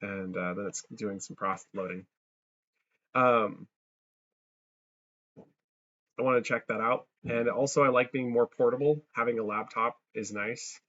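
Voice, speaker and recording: A man talks through a software install in a loose, chatty way, narrating each click as he goes. His voice is bright and forceful, but it comes through crunchy and distorted, with a dull, lo-fi edge from a clipping mic. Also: medium pitch, normal speed. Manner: chatty, thinks aloud while clicking through steps. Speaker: tutorial creator. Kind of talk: casual screen-recorded software tutorial. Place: abroad, working on a laptop.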